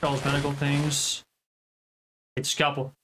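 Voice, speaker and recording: A man's voice: a little high, monotone, unhurried, noisy background. A man playing a video game, reading its text aloud dramatically and commenting along the way. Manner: dramatic, acts out lines. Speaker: let's play streamer. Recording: voice over loud game music.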